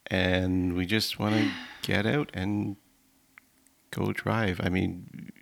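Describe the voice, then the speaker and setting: A man's voice: low-pitched, little pitch movement, takes it slowly, creaky, fairly bright tone. A man co-hosting a podcast in easygoing, agreeable casual chat. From Ontario, Canada. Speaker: podcast co-host.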